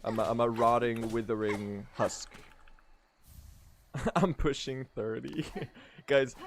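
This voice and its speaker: A man's voice: mid-range voice, fairly even intonation, slow pace, a little hiss or hum. A young man from Sweden chatting and joking with his chat while speedrunning a game. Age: young adult. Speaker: speedrunning streamer. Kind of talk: casual live-stream chat.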